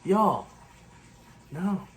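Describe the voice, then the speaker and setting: A man hosting a movie channel, giving live reaction commentary in short, excitable bursts. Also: high voice, very slow.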